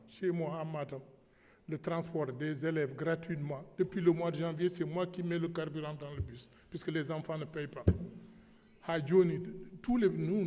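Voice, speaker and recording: Male deputy, Senegalese accent, fairly high-pitched, emphatic parliamentary oratory with repetition, long hall reverb. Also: dark tone. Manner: emphatic, repeating himself for stress. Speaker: member of parliament. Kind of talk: parliamentary speech switching between French and Pulaar. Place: large parliamentary assembly hall.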